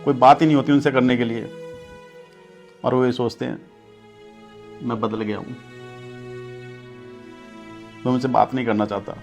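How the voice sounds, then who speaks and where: Man acting a tired husband, quiet, dejected, gravelly voice, music behind. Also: medium pitch, steady tone, normal speed, pauses often, lo-fi sound, close to an everyday voice. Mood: weary. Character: weary young husband torn between wife and family.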